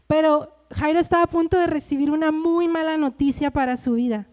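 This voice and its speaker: A woman's voice: sits high, fairly even intonation, a little fast, a little mellow, long reverb tail. A woman with a Mexican Spanish accent preaching a sermon in a conversational way, often asking her listeners "¿verdad?".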